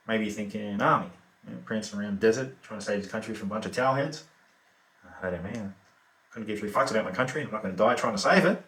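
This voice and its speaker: A man's voice: lowish voice, a bit bright, recorded from a distance. An Australian actor performing a monologue as a remorseless, lazy male killer, talking in an offhand, laconic way full of fillers. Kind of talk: theatrical monologue. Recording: roomy echo.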